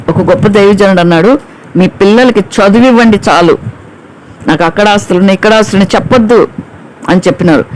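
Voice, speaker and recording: A woman's voice: mid-range voice, rough recording. A woman preacher delivers a Bible sermon in an emphatic, urgent way. She hammers points home by repeating key words. Now and then she slips into short acted quotes of children and parents.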